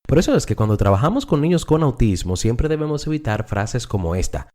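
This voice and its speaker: A man's voice: medium pitch, very animated, a little fast, dark tone. A man from the Dominican Republic explaining a topic in a lecture style, speaking to the listener directly and repeating words for emphasis. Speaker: neuropsychologist teaching.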